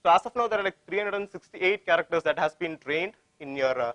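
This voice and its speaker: A man's voice: high voice, quick pace, a bit bright, dry recording, poor audio. A man with an Indian accent giving an informal technical presentation, often repeating phrases and posing questions that he answers himself. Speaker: tech conference presenter.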